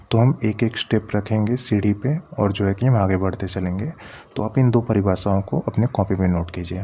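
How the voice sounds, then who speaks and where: A man teaching a grammar lesson, patiently explaining step by step and sounding out letters slowly. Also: fairly low pitch, dark tone, slight background noise.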